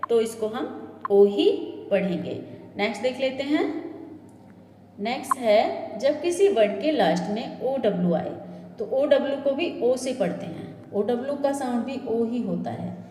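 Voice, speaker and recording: A woman with a fairly high, mellow voice teaches pronunciation at a slow, patient pace. She repeats each example word and checks in often with her listeners. The room is echoey, with a long reverb and a faint hiss behind her. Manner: slow, repetitive drilling of example words; checks in with "ठीक है" and "है ना". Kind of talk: classroom-style lesson explaining word sounds.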